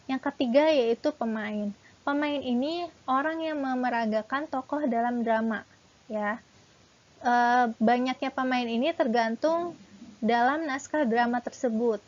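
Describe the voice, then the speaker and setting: A woman's voice: fairly high pitch, unhurried, lo-fi sound. A woman teacher giving a lesson, listing points one by one with a few fillers. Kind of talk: classroom lesson talk.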